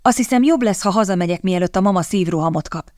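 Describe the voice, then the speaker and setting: A woman's voice: mid-range voice, darkish tone, dry recording, studio quality, close to an everyday voice. A woman voicing a sheepish, repentant young man in an audiobook, speaking in a rueful, gloomy way.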